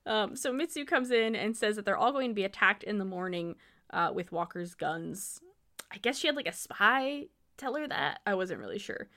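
Giggly bright-voiced woman recapping a movie. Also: mid-range voice, expressive, moderate pace. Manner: laughs often while recapping, wry and amused. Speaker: podcast co-host. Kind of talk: casual movie recap chat.

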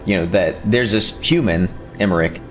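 Low-voiced guy running a tabletop game, lots of ums, faint music behind. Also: normal speed. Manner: hesitant, filler-heavy narration. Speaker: game master.

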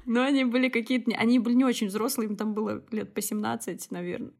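A young woman co-hosting a podcast, telling stories in a casual, animated way. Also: on the high side, slightly rough. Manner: fast, animated storytelling with laughs. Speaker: podcast co-host. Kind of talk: casual chat.

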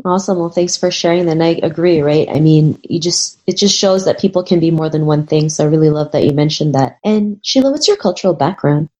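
A woman's voice: low-pitched, brisk, hardly any pauses, darkish tone, dull audio. A woman hosting an interview podcast, who keeps thanking and affirming her guest. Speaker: podcast host.

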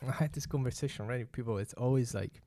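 A man hosting a relaxed podcast conversation, quick to laugh and given to quoting himself in lively asides. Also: mid-range voice, slight background noise. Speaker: podcast host. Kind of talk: casual chat.

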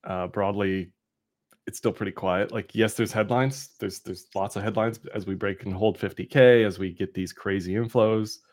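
Male podcast analyst, fairly low voice, conversational and explanatory, loose informal delivery. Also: steady tone, normal speed, a little mellow. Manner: informal, explanatory, punctuated with "right?". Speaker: podcast co-host, market analyst. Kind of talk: casual market commentary.

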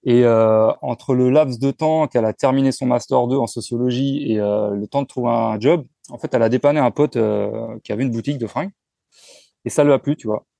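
Male interview guest, 40s; mellow, frank, hesitant, dry close recording. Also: medium pitch, a little fast, vocal fry, no echo. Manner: relaxed, frank, with frequent hesitations and restarts. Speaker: entrepreneur guest. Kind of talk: casual conversational interview.

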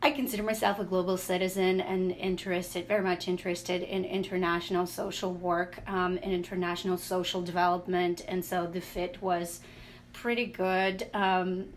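Woman researcher from Latvia, low and level, measured in interview. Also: little pitch movement, slight background noise. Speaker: co-author and researcher. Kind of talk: interview guest.

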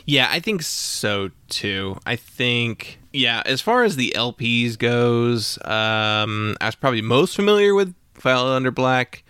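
A man hosting a podcast who talks in a relaxed, rambling way, laughing easily while chatting about music. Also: medium pitch, a little slow, few pauses, clear, resonant tone, no echo. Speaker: podcast host. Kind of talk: casual chat.

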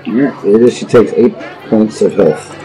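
A man playing a tabletop game, joking and lively as he declares his character's actions. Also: fairly low pitch, unhurried, a crowd in the background, low-quality recording. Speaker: player.

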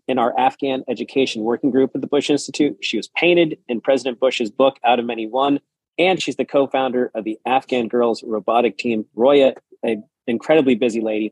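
Husky-voiced man hosting a podcast. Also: medium pitch, steady tone, a little fast, darkish tone, dry recording. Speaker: podcast host. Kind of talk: podcast interview and scripted intro.

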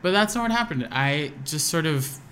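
On a laid-back podcast, a young guest musician from Pakistan speaks in an American accent, hesitating, restarting and filling gaps as he works through his thoughts. His fairly high voice has lively intonation and a slightly bright quality at normal speed. A little hiss or hum and faint room ambience hang in the background.

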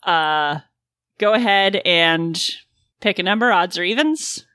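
Female game master, informal tabletop narration. Bright voice, close dry sound. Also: on the low side, lively intonation, takes it slowly, clean tone, no room sound.

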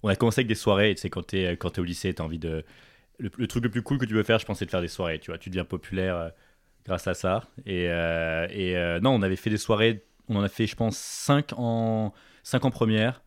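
A young man from Paris talks in a relaxed podcast chat, full of fillers and restarts. His voice sits very low and his words come quickly. The recording is dry and close. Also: no room sound. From Paris, France. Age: young adult. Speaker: podcast guest, entrepreneur. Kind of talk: casual interview chat.

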